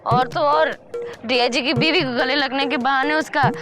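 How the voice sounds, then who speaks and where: A woman's voice: high voice, fairly even intonation, moderate pace, natural voice. An actress playing an exasperated wife and mother, scolding sarcastically in broad television comedy style. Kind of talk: broad television sitcom acting. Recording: music playing behind the voice.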